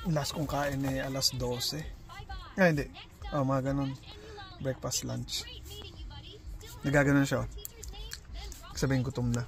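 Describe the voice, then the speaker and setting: Low-voiced Filipino woman vlogging. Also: fairly even intonation, unhurried, long pauses. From Philippines. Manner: chatty, soothing a fussy toddler. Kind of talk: casual family vlog. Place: public place, waiting to eat.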